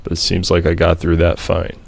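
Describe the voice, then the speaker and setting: A man making slow, laid-back, wry comments while playing a game. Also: sits low, completely flat delivery, gravelly. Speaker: gamer commenting on play.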